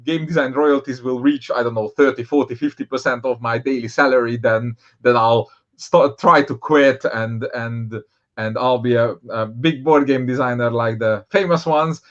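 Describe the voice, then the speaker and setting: A man talks casually as an interview guest, mid-pitched and rambling, often restarting with fillers. The audio is dull and lo-fi. He speaks at an ordinary middle pitch throughout. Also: steady tone, moderate pace. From Hungary. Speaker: board game designer, guest. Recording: dull, lo-fi sound.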